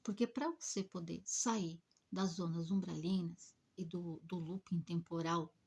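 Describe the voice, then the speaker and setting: A woman narrates an emotional spiritual experience, often slipping into a hushed, breathy near-whisper. Her voice sits low and dark, very husky and gravelly, with a mellow warmth. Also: steady tone, unhurried. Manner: hushed, breathy, dramatic delivery. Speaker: spiritist rescue worker.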